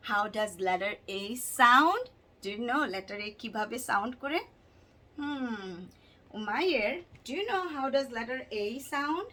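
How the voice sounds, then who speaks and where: A woman's voice: on the high side, expressive, bright, forceful tone, a little hiss or hum. A woman with a Bangladeshi accent teaching letter sounds to children, drawing out words and repeating them in a sing-song way. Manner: slow, drawn-out, sing-song repetition, switching between English and Bangla. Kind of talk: phonics lesson for kids.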